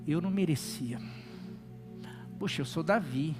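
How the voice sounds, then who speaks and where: A man's voice: fairly high pitch, measured pace, big-room sound, over music, pitched below the performer's own voice, natural voice. A man voicing a self-righteous young male king who grumbles in self-pity, in a sermon. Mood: grumbling.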